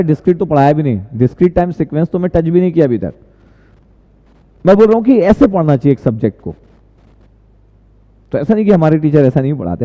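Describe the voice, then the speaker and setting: A male tutor teaching casually in a live stream, chatty and answering viewers' questions, often repeating himself. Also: fairly high pitch. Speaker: online tutor. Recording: tinny, echoey lo-fi stream audio.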